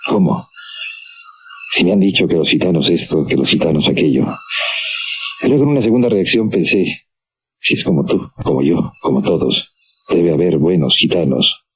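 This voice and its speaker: An older man with a Mexican Spanish accent and an extremely deep, husky voice, thinking aloud on the radio. He keeps turning to the listener with questions. The sound is muffled and lo-fi, like an old AM broadcast tape. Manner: musing, talks straight to the listener with many questions. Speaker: radio host. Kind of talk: reflective radio monologue. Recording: dull lo-fi 1990s AM radio recording.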